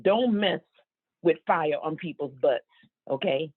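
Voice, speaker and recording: A woman voicing a signed comedy act, telling funny family stories in a lively way with fillers and restarts. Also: low-pitched, unhurried, breathy edge, no echo. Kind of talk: interpreted comic storytelling. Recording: tinny, phone-like, dry.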